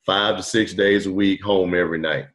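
A middle-aged man, a podcast guest, telling his story in a relaxed, rambling way with many fillers over a video call. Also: sits low, normal speed. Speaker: podcast guest, truck driver turned wholesaler. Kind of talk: casual storytelling interview. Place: indoor room, video call. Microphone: webcam on video call.

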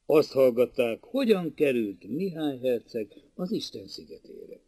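Man, audiobook narration, expressive storytelling, dry studio sound, mid pitch. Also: breathy edge, no echo.

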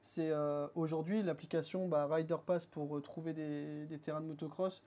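A man's voice: on the high side, little pitch movement, normal speed, dark tone. A man in his thirties hosting an interview, asking long, chatty questions hedged with fillers, recorded in a workshop studio on a lapel mic. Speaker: interviewer, host. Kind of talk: casual interview. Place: dim motorcycle workshop studio.

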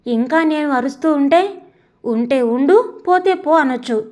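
Lady doing a resigned wife, high voice, talking it through calmly. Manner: measured, reasoning. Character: calm, resigned married woman.

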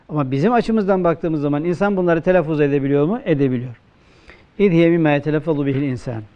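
A man with a Turkish accent, a religious teacher giving a classroom grammar lecture, who poses questions and answers them himself, and slows down to quote texts. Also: fairly high pitch, smooth, highs cut off. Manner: asks questions and answers them himself, slow emphatic quoting.

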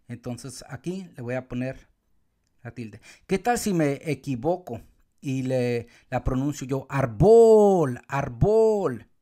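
Man teaching accent marks, slightly high voice. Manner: calls out words loudly to show the stressed syllable, counts syllables slowly. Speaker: Spanish teacher. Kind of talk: explaining accent marks step by step.

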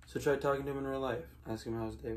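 A man's voice: mid-range voice, steady tone, racing. A young man chatting casually and giving blunt, brief, matter-of-fact advice as a co-host. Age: young adult. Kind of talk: casual chat. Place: small room at home, indoors.

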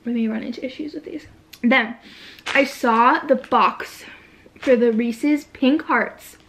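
A woman's voice: on the high side, takes it slowly, fairly bright tone, a little hiss or hum. A woman chatting casually to camera in a day-in-my-life vlog, bubbly and full of "like" and "um". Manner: bubbly, chatty, filler-heavy with "like" and "um". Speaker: vlogger.

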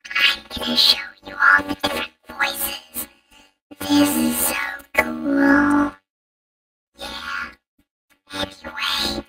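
A video host talking through a voice changer app that drops the voice very low and then turns it robotic, excitedly showing it off and sometimes whispering. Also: gravelly. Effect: voice changer app, pitched far down, then robot. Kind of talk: casual demo of a voice app.

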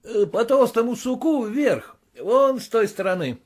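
A man doing a feverish, shouting gentleman. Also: very high voice, lively intonation, unhurried, voice pushed up, full character voice. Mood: excited. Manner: urgent, exclaiming, shouting orders. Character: excitable obsessed male gentleman, feverish and commanding. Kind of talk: audiobook character voice.

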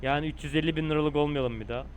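A young man talks to his viewers while he plays a driving game. His voice sits a little high, and he swears and jokes as he goes. Faint engine hum runs underneath. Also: steady tone, rapid-fire. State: tired and hot. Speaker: gaming streamer. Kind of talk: casual gameplay commentary.

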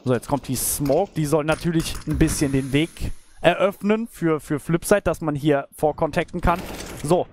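Casting note: male esports caster, high-pitched voice, live match commentary over game gunfire. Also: normal speed, darkish tone, slight background noise. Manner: esports caster delivery, analytical, exclaiming at big plays. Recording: game gunfire and clicks behind voice. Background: video game gunshots.

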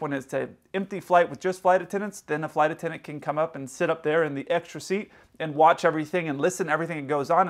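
Male pilot in his thirties, slightly raised pitch, chatty vlog storyteller on camera from a hotel room. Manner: animated, acts out other people's lines in quick quoted bits. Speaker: airline pilot telling stories.

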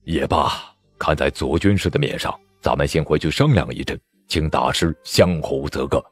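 A man voicing a gruff male rebel swordsman in an audiobook, speaking grudgingly and measured. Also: extremely low pitch, soft background music, voice pushed down.

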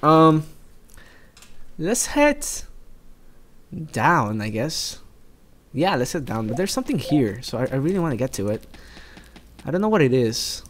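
A man's voice: medium pitch, sing-song, a little slow, long pauses, slight background noise. A young man from South America giving jokey, rambling let's play commentary while he plays. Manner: rambling, jokey, talks to himself.

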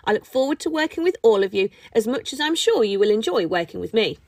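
Woman narrator plays a smug, posh schoolboy for an audiobook, lifting the voice high and bright to sound young. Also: very animated, fast, no room sound. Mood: pompous. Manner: haughty, pompous upper-class tone.

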